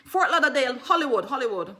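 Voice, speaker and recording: Jamaican woman, herbalist livestreamer; bright high voice, chatty, often repeats lines. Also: quick pace. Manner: greets viewers mid-sentence, repeats phrases, animated. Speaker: herbalist selling skincare on a livestream. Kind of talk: casual livestream chat.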